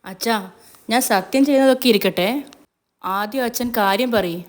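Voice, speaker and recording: A woman voicing a distraught grown daughter who pleads loudly and emotionally with her parents, read as a spoken storybook. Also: fairly high pitch, normal speed, close to an everyday voice. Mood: anxious.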